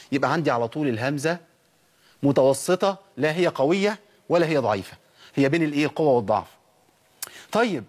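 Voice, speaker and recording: A man's voice: on the high side, slightly rough. A man with an Egyptian Arabic accent teaching Quran recitation in a classroom lecture, asking questions and answering them himself.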